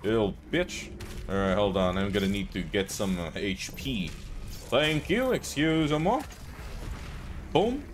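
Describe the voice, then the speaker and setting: A man hosting a let's play, commenting on his gameplay in an excitable, profane way with laughs and yelps. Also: mid-range voice, slight background noise. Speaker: gaming channel host.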